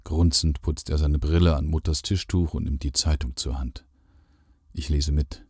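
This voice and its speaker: A man reads a first-person story aloud with a calm, measured delivery. His voice sits very low and sounds dark and mellow. The recording is dry and close, with no room sound. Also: slightly rough, no room sound. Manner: calm, measured storytelling with lively quoted lines. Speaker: narrator. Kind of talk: literary reading, first person.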